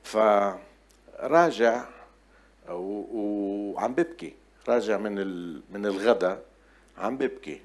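A man's voice: on the low side, takes it slowly, long pauses. A man preaching a sermon as pastor, telling stories in a conversational way with many restarts.

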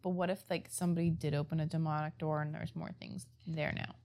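A woman's voice: deep voice, flat delivery, quick pace, darkish tone. A woman co-hosting a casual chat, reacting dramatically and swearing freely. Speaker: podcast co-host.

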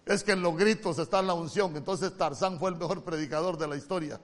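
A male pastor with a Honduran accent preaching a sermon, moving from loud emphatic calls to soft, hushed lines. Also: on the high side, a little fast. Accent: Honduran Spanish.

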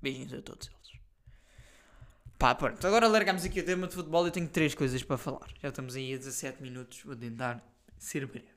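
A man's voice: mid-range voice, fast talker. Slangy young European Portuguese man. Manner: animated, slangy storytelling with frequent fillers and swearing. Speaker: podcast host. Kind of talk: casual solo podcast chat.

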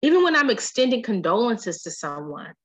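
A woman hosting a podcast in casual conversation, animated and playful. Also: on the high side, brisk. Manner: animated, playful, quotes friends in lively voices. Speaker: podcast host.

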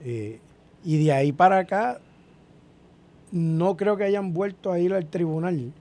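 A man's voice: sits high, a little slow, warm tone. A man hosting a casual talk show, mostly adding brief agreements and short questions. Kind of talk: casual chat.

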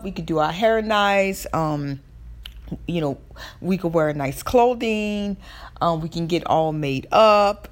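A woman with a Southern US accent hosting a podcast, giving an informal motivational talk in halting, deliberate phrases. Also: fairly low pitch. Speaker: podcast host.

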